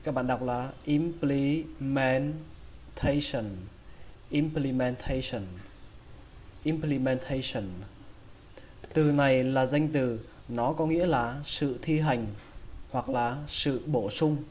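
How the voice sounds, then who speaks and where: A man's voice: medium pitch, fairly even intonation, measured pace, darkish tone, a little hiss or hum. A man with a Vietnamese accent teaching English vocabulary, patiently repeating each word several times. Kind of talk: pronunciation lesson.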